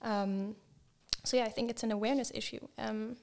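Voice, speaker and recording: Young woman with a gravelly, even voice. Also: a little high, fairly quick. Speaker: guest. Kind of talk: conversational interview answers. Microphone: podcast mic on stand, headphones.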